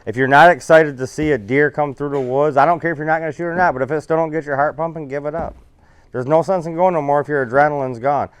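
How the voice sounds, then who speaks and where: A man's voice: on the high side, fairly even intonation, fast, clean tone, dry recording. A man giving a casual, rambling, folksy seminar talk about fishing to an audience. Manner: rambling, folksy, self-correcting.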